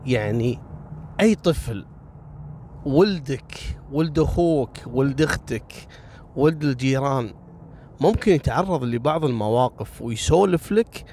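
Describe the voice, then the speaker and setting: A man's voice: medium pitch, darkish tone, slight background noise. A man narrating a story casually, speaking straight to his listeners with moral asides. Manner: chatty, addresses listeners directly with moral asides.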